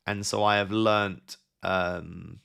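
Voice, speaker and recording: On a live stream, a young man with a low, gravelly voice chats casually at a slow pace and steady tone. He reads viewer messages aloud and answers on the spot, thinking aloud with plenty of fillers and restarts.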